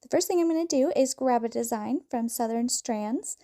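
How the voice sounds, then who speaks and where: A woman talks through a craft project step by step, upbeat and friendly. Her voice sits a little high, with a mellow, soft tone. It sounds like a scripted tutorial voice-over. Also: moderate pace.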